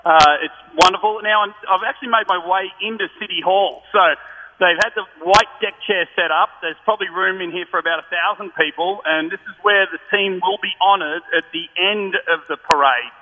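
A high-pitched man works as a roving parade commentator, live for radio. He talks in a chatty, matey way. The sound is dull and reverberant, with plenty of noise around him. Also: steady tone, brisk. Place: outdoors on a parade route. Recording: noisy outdoor link, dull sound.

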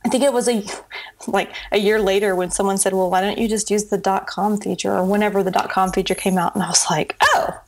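A woman's voice: mid-range voice, fairly even intonation, fast, darkish tone. Chatty woman with a mid-range voice. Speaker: interview guest, web business consultant. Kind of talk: casual conversational interview.

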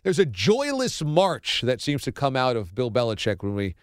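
A man's voice: medium pitch, huge pitch swings, normal speed, no echo, studio quality. A man hosting a sports radio show, giving sarcastic, opinionated commentary.

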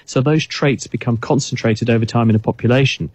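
A man's voice: mid-range voice, a little fast, breathy edge, no echo. Man, thoughtful explainer, many restarts, dry close sound. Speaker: guest expert. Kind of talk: casual radio chat.

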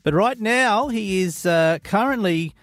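A man's voice: high voice, expressive, a little slow, fairly bright tone, soft background music. A man with an Australian accent hosting a casual radio interview in a chatty, matey way from a studio. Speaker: radio host.

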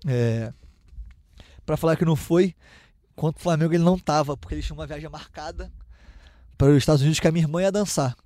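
A man's voice: a little high, fast talker, long pauses, mellow, no echo, clean studio sound. A young man, a footballer guest telling a personal story casually, with many restarts.

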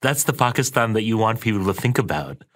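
A man's voice: fairly low pitch, lively intonation, a little fast, fairly bright tone. A man hosting an interview, asking admiring questions with frequent restarts. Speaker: interview host.

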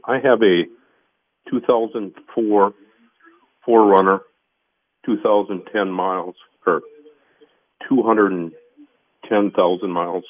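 A man calling in over the phone to a radio show, halting and correcting himself as he asks his question. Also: on the low side, steady tone, no room sound. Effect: heard over the phone. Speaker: caller. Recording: narrow phone-line sound.

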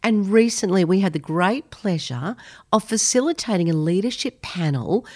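A woman's voice: medium pitch, animated, normal speed, darkish tone, no room sound, studio quality. A woman co-hosting a radio talk show, reading scripted links and interviewing a guest with a teasing, upbeat manner.

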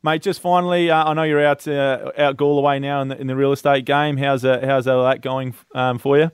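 A man's voice: medium pitch, level tone, brisk, clean tone, no echo, studio quality. An Australian man co-hosting a casual sports interview show, talking in a matey, complimentary way. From country South Australia. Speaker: radio show co-host.

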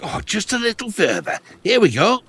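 An actor playing a hungry, dizzy old man drifting in a boat, slow and wistful, in a children's audio story. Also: sits high, huge pitch swings, pushed and bright, husky, full character voice. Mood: insistent.

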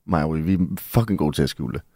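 A man's voice: rumbling low, expressive, dark tone, no room sound, clean studio sound. A man hosting a radio podcast, teasing and joking with his guest in casual banter. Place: radio studio.

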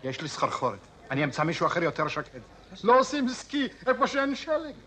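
A man playing a deadpan Angel of Death. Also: a little high. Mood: exasperated. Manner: deadpan, terse. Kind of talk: comedy sketch.

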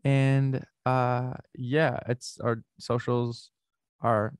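A man's voice: medium pitch, level tone, drawn-out words, clean tone, no room sound, clean studio sound. A young man from North America, a musician being interviewed, talking casually with lots of fillers and restarts. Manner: rambling, many fillers and restarts. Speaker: musician guest.

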